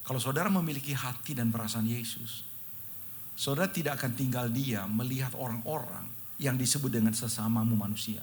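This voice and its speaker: A man's voice: mid-range voice, a little fast, slight background noise. A middle-aged male pastor preaching an emotional, storytelling sermon, often addressing the congregation directly. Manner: repeatedly addresses listeners as brothers and sisters.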